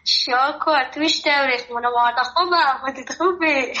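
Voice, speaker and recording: A woman's voice: sits high, sharp tone. A woman from Farah province in Afghanistan with a Farahi Dari accent, calling in to a show and chatting playfully, laughing often. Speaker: caller. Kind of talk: phone call-in chat. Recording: dull phone line.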